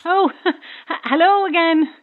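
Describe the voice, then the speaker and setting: In a horror audio drama, a woman with a very high-pitched voice speaks a little slowly as a chatty, breezy Irish passenger calling from a stranded boat. She's self-deprecating, and her voice is filtered like a thin, narrow-band marine radio.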